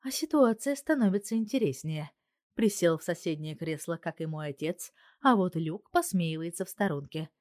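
A woman narrating an audiobook in the first person, with a fairly low voice. Her reading is steady and even, recorded dry and close. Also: moderate pace, no room sound. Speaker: audiobook reader.

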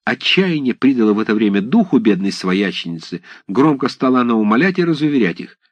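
A man reads a classic story aloud in a middle-pitched voice that moves lively up and down. His delivery is dramatic and expressive, and the recording is dry and close with no room sound. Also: a little fast, no room sound. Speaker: narrator. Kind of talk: audiobook narration of a classic tale.

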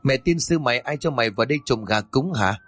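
A man's voice: mid-range voice, expressive, fast, a bit bright, no room sound. A man voicing an angry village man who hisses curses at a boy. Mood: furious. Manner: hissing, cursing.

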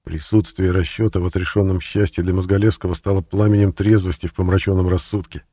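A man narrating a novel in a steady, measured reading voice. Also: low voice, no echo. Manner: steady, measured reading, rises to loud acted shouts. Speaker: audiobook narrator. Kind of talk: scripted narration.

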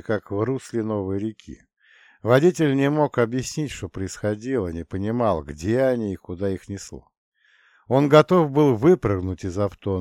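A man narrating a story in a steady, dramatic audiobook style. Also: medium pitch, no room sound, clean studio sound. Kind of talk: scripted narration.

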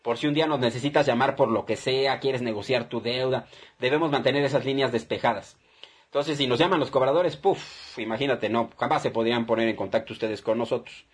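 A man's voice: medium pitch, a little fast, breathy edge. A man hosting a call-in debt advice show, giving emphatic advice and acting out little dialogues. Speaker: debtor-advice radio host.

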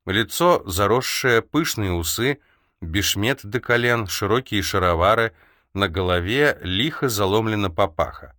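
Narrator: man, low voice, dry close recording, measured audiobook reading. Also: lively intonation, bright, forceful tone, no room sound.

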